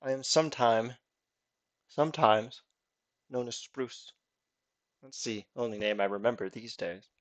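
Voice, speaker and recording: A man softly voicing an ancient gentle druid woman. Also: mid-range voice, measured pace, long pauses, no echo, close to an everyday voice. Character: ancient female druid gardener, gentle, polite, deadly.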